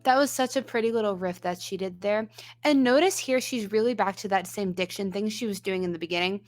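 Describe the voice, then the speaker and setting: A woman's voice: mid-range voice, brisk. A woman voice teacher giving analytical reaction commentary, explaining singing technique step by step.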